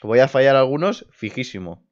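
A young man giving casual let's play commentary, excitable and quick to swear. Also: mid-range voice, highs cut off. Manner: excitable, swears, laughs at scares. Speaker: gamer.

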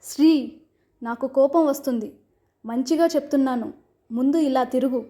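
A woman's voice: sits high, a little slow, warm tone. A woman voicing an impatient, sarcastic young husband in a storybook reading, stern and mocking.

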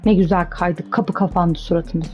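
A woman's voice: lowish voice, fairly even intonation, moderate pace, muffled recording, soft background music. A young woman giving casual commentary on her own gameplay, cheering herself on and getting exasperated. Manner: chatty, self-cheering, exasperated at the game. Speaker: gaming streamer.

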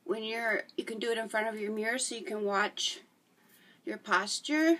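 A middle-aged fitness vlogger with a pushed, bright voice on the high side demonstrates a home workout at a moderate pace. She's chatty and encouraging, laughs while exercising and sounds out of breath, and her voice is heard from a distance.

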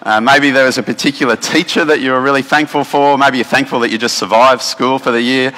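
An Australian man preaches in an easygoing, conversational way, full of "um"s and restarts. His voice is bright and forward, and it rings out with the long reverb of a church hall. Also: mid-range voice, fast talker. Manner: relaxed, chatty, many fillers and restarts. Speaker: pastor. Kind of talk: casual sermon with instructions for children.

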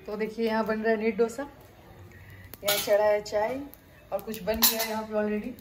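A woman's voice: mid-range voice, little pitch movement, normal speed, noisy background. A young woman from India, chatting to viewers in a casual home vlog while filming around her family's house and kitchen. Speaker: family vlogger.

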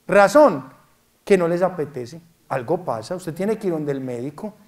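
A man's voice: high voice, a little mellow. A man giving a humorous sermon as a priest, playfully mimicking complaining parishioners.

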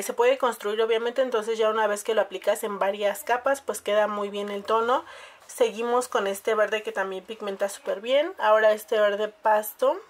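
A woman, chatting casually through a makeup review and addressing viewers as "chicas". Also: a little high. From Mexico. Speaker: beauty vlogger.

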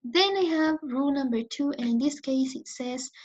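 A woman's voice: sits high, measured pace. Bilingual woman teacher, lo-fi sound. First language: Spanish. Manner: explains in English then repeats in Spanish, often checks with "¿ok?". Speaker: English teacher. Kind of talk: bilingual recorded lecture. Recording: dull lo-fi lecture audio.

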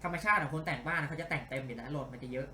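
A man giving casual let's-play commentary, animated and grumbling and cursing at the game as he plays. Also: fairly high pitch, racing, reverberant, slight background noise. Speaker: game streamer.

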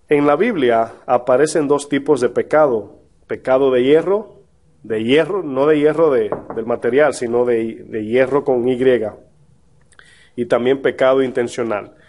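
Speaking at normal speed with a medium pitch, a man who is a pastor teaches a Bible study to a live crowd. His manner is relaxed and conversational, and he frequently asks questions to check in with those listening.

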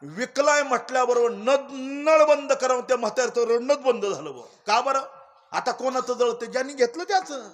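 A man preaching a kirtan sermon, telling stories and swinging between loud exclamations and hushed asides. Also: extremely high pitch, animated, moderate pace. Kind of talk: Marathi kirtan sermon with storytelling.

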